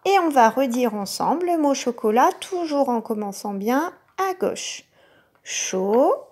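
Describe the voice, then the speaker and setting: A woman teacher giving a recorded lesson to young children, speaking patiently and sounding out each syllable clearly. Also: high voice, expressive, moderate pace, darkish tone. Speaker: kindergarten teacher.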